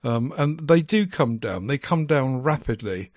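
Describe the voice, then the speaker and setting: A man's voice: mid-range voice, animated, a little slow, darkish tone, dry recording. A man chatting as a podcast co-host, rambling with many ums and restarts. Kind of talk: casual chat. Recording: dry, slightly muffled.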